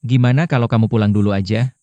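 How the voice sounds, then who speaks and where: A man's voice: on the low side, steady tone, quick pace, mellow, no echo, dull audio, natural voice. A man voicing a young male student in a dubbed drama, exasperated and sarcastic. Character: young man, student caught between two women.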